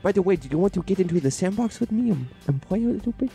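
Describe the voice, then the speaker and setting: A man's voice: sits high, expressive, quick pace, creaky, mellow, soft background music, pitched above the performer's own voice. A man voicing a whiny, sassy little boy baby hero in a comedy movie trailer parody, rambling in a childish, hesitant way. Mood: innocent, chatty.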